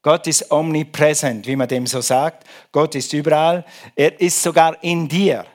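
A man preaching from the pulpit, his fairly high voice swinging with emphasis. He prays, then drives his message home with question after question to the congregation. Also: a little slow. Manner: lively, emphatic, rhetorical questions. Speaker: pastor. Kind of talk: sermon.

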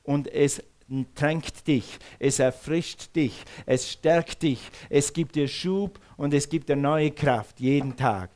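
A man's voice: on the high side, slow pace, few pauses, a little mellow. A male pastor preaching a sermon in a church hall, calling on the congregation to repeat words back to him. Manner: engages the congregation with call-and-response; uses some Swiss words.

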